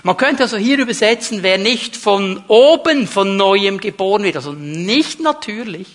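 A man's voice: high-pitched, animated, moderate pace, fairly bright tone. A man preaching a sermon to his congregation, emphatic and repeating key words, speaking to the listeners directly. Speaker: pastor.

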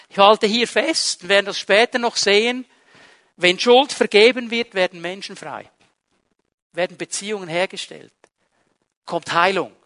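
High, bright-voiced male preacher, dry sound. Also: no echo. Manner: dramatic retelling of a parable, swinging from loud emphasis to low near-whispers; repetitive rhetorical emphasis, addresses listeners directly. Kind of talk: sermon.

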